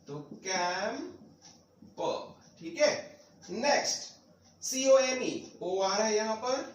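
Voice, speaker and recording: Guy teaching phonics off slides, spells out letters real slow, mixes english into hindi, sounds far off in an echoey room. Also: sits high, a bit bright. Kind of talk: slide-based phonics lesson.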